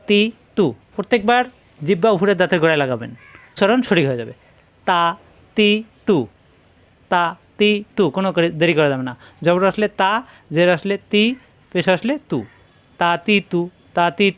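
A man teaching letter pronunciation, briskly drilling syllables over and over. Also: high-pitched. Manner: brisk drilling, repeats syllables slowly then quickly. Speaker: Quran recitation teacher. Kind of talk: pronunciation lesson.

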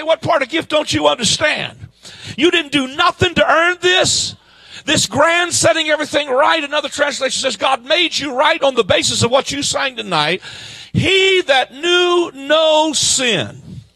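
A middle-aged man preaching a sermon in a folksy, emphatic way that climbs to shouting, speaking into a handheld microphone in a church. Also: very high voice, creaky, dry recording. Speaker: guest preacher. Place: church stage with a drum kit behind.

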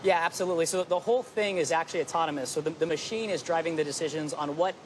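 A man's voice: on the high side, racing, a little hiss or hum, rough recording. A man in his thirties explaining his company on an outdoor TV set, eager and confident. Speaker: company co-founder guest. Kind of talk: business news interview.

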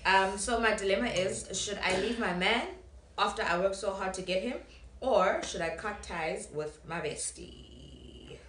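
A woman's voice: mid-range voice, unhurried, a bit bright. A young woman guest in a casual chat, playful and laid-back. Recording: echoey room with faint noise.

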